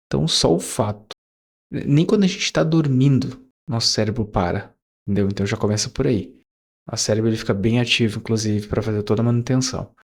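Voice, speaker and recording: A man in his 20s, a YouTuber, rambles through a casual, reflective monologue to his viewers, full of fillers and self-corrections. His medium-pitched voice is brisk and has vocal fry.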